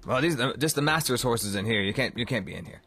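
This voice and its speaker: A man voicing a brutal, burly, one-eyed undead stablemaster who speaks in a gruff, scornful tone. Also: medium pitch, animated, fast talker, sharp tone.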